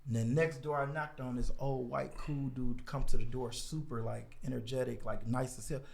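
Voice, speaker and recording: A man guest on a podcast telling a story in casual chat, animated and acting out the people he quotes. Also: medium pitch, normal speed, creaky, reverberant. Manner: animated, acts out quoted voices.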